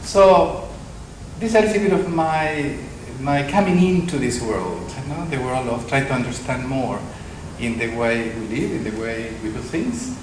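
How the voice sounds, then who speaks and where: A man's voice: medium pitch, expressive, measured pace. A middle-aged man from Argentina, giving a conference talk full of anecdotes and self-deprecating humor. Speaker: conference speaker. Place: conference hall. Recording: echoey hall with background noise.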